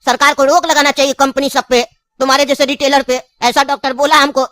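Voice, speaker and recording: A woman's voice: high voice, steady tone, quick pace, fairly bright tone, no echo, studio quality. A woman voicing a pushy, scheming old grandfather in a cartoon, with a coaxing, chuckling manner. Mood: storytelling. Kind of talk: cartoon voice acting.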